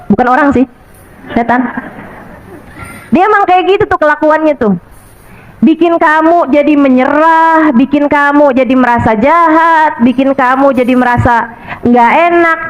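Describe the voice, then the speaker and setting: A woman's voice: high voice, dull audio. A woman preacher giving a chatty, colloquial sermon, repeating rhetorical questions and acting out little quotes. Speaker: Islamic preacher. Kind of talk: colloquial sermon to a women's audience.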